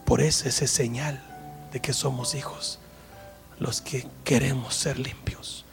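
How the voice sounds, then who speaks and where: A male pastor delivering an impassioned sermon, dropping to hushed tones and rising to loud pleading. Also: medium pitch, fairly even intonation, measured pace, vocal fry, music in the background. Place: church service.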